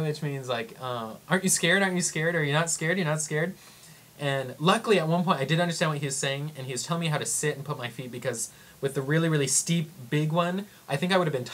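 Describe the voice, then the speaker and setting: A young man telling travel stories in a casual vlog, rambling and excitable, full of "like" and acted-out quotes. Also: a little high. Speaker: vlogger.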